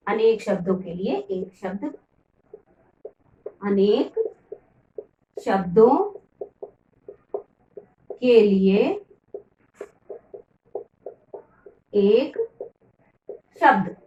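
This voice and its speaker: A woman teacher explaining a lesson to children slowly, repeating each key word. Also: a little high. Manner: slow, repeats key words for pupils. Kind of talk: classroom lesson. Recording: echoey room, voice from far off.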